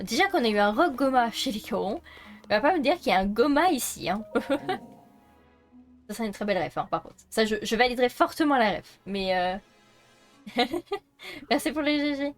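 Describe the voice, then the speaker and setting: Excitable high French woman streaming a game. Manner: excitable, panicky repetitions and frequent laughter. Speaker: streamer playing a video game. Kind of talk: live gameplay commentary.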